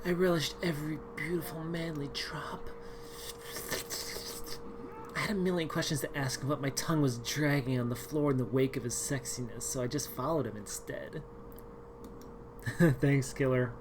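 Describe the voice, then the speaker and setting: A woman's voice: rumbling low, moderate pace, noisy background. A woman streamer reading a dating game aloud in a dramatic way, full of sarcastic, wry asides and exaggerated outbursts. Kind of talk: dramatic game read-through.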